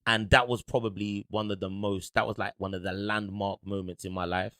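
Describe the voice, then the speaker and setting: A man's voice: fairly low pitch, little pitch movement, fairly quick, a bit bright, no room sound, studio quality. A man, telling a personal story in casual podcast chat. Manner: storytelling, acts out quoted voices. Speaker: podcast co-host.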